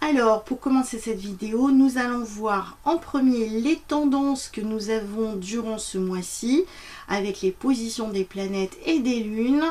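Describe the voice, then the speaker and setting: Woman astrologer, mellow tone, halting delivery full of fillers and restarts. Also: fairly high pitch. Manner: hesitant, many filler sounds and restarts. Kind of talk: monthly horoscope talk.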